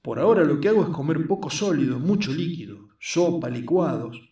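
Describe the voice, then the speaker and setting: A man's voice: expressive, fairly quick, warm tone. A man voicing an earnest, skinny young man, explaining his craft patiently. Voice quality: squeaky. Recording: roomy echo, mic at a distance.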